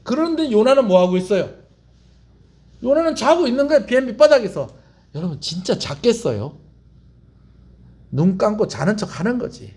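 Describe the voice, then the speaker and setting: A male pastor, preaching a sermon as animated storytelling full of rhetorical questions and call-and-response. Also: high-pitched, moderate pace, pauses often. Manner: leads the congregation in call-and-response.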